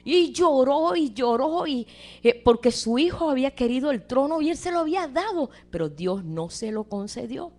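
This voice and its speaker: A woman preaching a sermon with animated delivery, often repeating words and calling listeners brother. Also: high voice, moderate pace. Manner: animated, acts out quoted voices, addresses listeners as brother.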